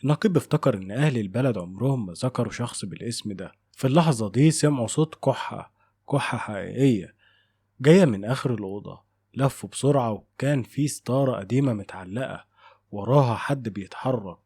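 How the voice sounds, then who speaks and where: Male horror narrator with an Egyptian Arabic accent, husky and dark, dry close sound. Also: medium pitch, expressive, no echo. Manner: measured, suspenseful. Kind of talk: scripted horror story narration.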